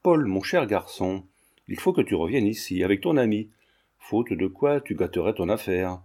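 A man's voice: lowish voice, animated, moderate pace, mellow. A man voicing a shrewd, forthright elderly lawyer who speaks bluntly, in a storybook reading. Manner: blunt, exclaiming.

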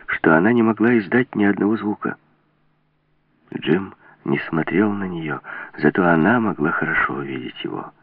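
A man narrating an adventure novel as an audiobook in a steady, dramatic reading. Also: on the low side, dry recording. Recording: tinny dry lo-fi audio.

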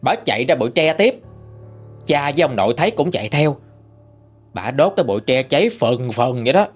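Lively Southern Vietnamese male storyteller. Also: mid-range voice, a little fast, husky. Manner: lively, chatty storytelling, dramatic rises. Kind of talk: ghost story narration. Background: faint music.

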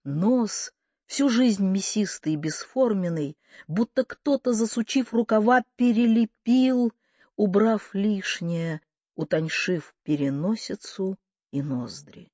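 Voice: medium pitch, slow pace, darkish tone, dry recording. A narrator reading literary fiction aloud, in a dry, dull lo-fi audiobook recording.

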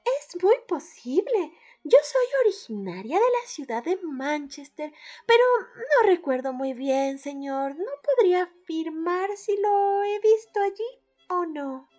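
A woman's voice: very high voice, very animated, measured pace, dark tone, soft background music, pitched above the performer's own voice, exaggerated voice. A woman playing a polite English lady in a radio play, marvelling at every coincidence with formal exclamations. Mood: amazed politeness. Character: Mrs. Martin, a polite, wondering English lady. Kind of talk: radio theatre acting.

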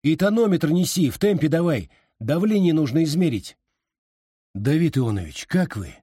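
A man's voice: mid-range voice, very animated, measured pace, darkish tone, husky, no echo, studio quality. A man voicing a brusque young husband who barks curt orders.

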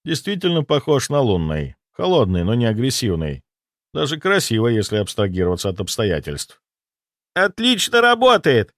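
A man reading a first-person fantasy audiobook, with deadpan, wry asides, close to a studio mic. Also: fairly low pitch, fairly quick, no room sound. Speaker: audiobook narrator.

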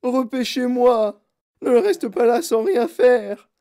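A narrator voicing a hysterical mother who shrieks in a shrill, loud voice. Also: sing-song, slow pace, exaggerated voice. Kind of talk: audiobook character voice.

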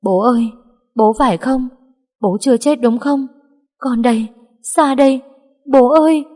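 Casting a woman as a frantic young daughter, loud, high-pitched cries, reverberant. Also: unhurried. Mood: desperate. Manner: desperate crying out. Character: young woman, desperate, crying out for her father. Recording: long hall reverb.

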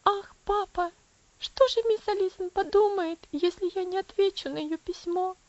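Woman doing a high teary little girl begging her dad, dull dry recording. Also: moderate pace, no echo. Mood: pleading. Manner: high, pleading, tearful. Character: pleading tearful little girl Elsie.

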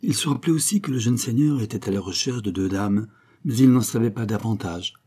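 A man reading a novel aloud in steady, measured scripted narration. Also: lowish voice, breathy edge. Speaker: audiobook reader.

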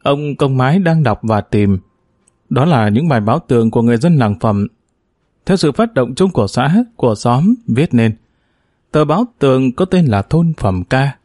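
A man narrating an audiobook chapter in a measured, expressive storytelling manner. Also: mid-range voice, dry recording, clean studio sound.

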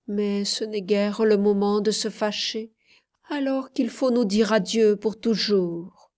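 A woman's voice: medium pitch, fairly even intonation, slow, darkish tone, lightly acted. A woman reading the part of a devoted young nursemaid in an audiobook, earnest and heartfelt. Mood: sad. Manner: earnest and passionate.

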